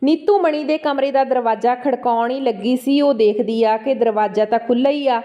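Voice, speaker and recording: A woman's voice: a little high, fairly quick, mellow. A woman with a Punjabi accent reading a story aloud as narrator, voicing the dialogue along with the narration.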